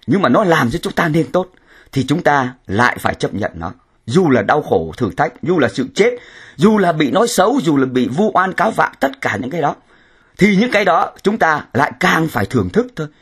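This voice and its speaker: Husky, animated male preacher. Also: on the high side. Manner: emphatic, repeats words and rhetorical questions. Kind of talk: sermon.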